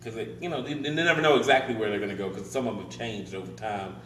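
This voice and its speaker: A man's voice: fairly low pitch, fast talker, slight background noise. A man co-hosting a comedy show, trading old jokes in casual banter and often laughing as he tells them. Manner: lively storyteller, laughs often. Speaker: comedy podcast co-host. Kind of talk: casual banter, joke-telling. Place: comedy club. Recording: echoey room from far off.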